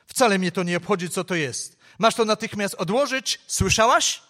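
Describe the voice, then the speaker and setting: A stern, hard-pressed young mother who scolds and threatens with a sharp tongue, as a man telling the story puts her on. Her voice stays high and clipped. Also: moderate pace. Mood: scolding.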